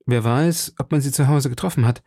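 A man voicing a bold young swordsman who speaks briskly and earnestly to the woman he protects. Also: medium pitch, dark tone, slightly rough, no room sound, studio quality. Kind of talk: audiobook character voice.

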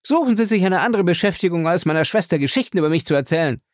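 A man doing a shrill, raging young hothead. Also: lively intonation, no room sound, studio quality. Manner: shouting, furious, rapid outbursts. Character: hot-headed young man, shrill with rage.

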